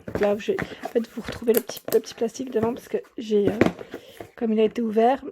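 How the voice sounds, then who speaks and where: A woman's voice: on the high side, level tone, fast talker, noisy background. A young woman chatting casually to viewers, showing off her shopping haul, with many fillers, restarts and frequent laughs. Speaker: YouTube vlogger.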